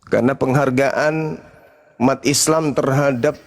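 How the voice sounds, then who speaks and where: A man's voice: mid-range voice, fairly even intonation, measured pace. A man arguing hard in a live debate, combative and mocking, his voice rising when pressed.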